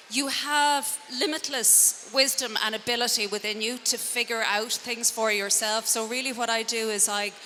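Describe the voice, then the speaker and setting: A middle-aged woman with a west of Ireland accent, a transformative coach and speaker from Connemara, Galway, talks conversationally and motivationally to an audience in an indoor event room. Her fairly high voice is pushed and bright, and she poses rhetorical questions and makes wry asides about herself. The recording has a reverberant hall sound and clear background noise.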